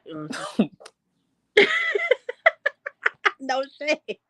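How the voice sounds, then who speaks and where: A woman in casual group chat, animated and teasing, laughing often. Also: very high-pitched, extremely slow, dry recording, poor audio.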